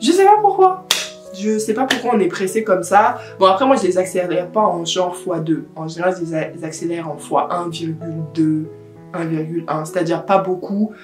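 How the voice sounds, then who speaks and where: A woman's voice: on the low side, steady tone, brisk. A woman book vlogger chatting casually to camera, sprinkling English words into her talk. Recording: roomy echo with faint guitar music.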